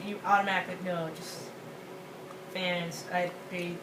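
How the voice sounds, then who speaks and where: A young woman co-hosting a casual rant, talking in a quick, excitable, exaggerated way. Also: lowish voice. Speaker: co-host. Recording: roomy, distant, noisy home recording.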